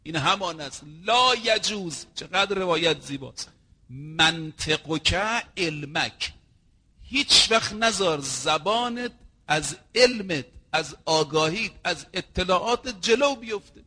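High bright-voiced male preacher. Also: lively intonation. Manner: storytelling, acting out quoted dialogue; addresses listeners directly as brothers and sisters. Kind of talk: sermon.

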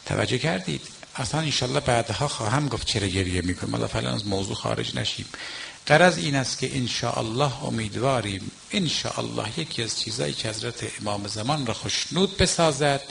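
Older man, cleric, mourning sermon, gravelly voice, faint hum behind, emphatic, rising and falling delivery. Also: mid-range voice. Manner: emphatic, swinging between soft asides and raised exhortation. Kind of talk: Muharram mourning-night sermon.

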